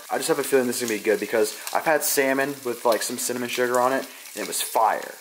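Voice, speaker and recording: A man's voice: lowish voice, fairly bright tone, slight background noise. A young man chatting casually in a fishing vlog, filler-heavy, filmed on a handheld camera at arm's length. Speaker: fishing vlogger. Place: garage, then an apartment kitchen and living room. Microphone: handheld wide-angle camera at arm's length.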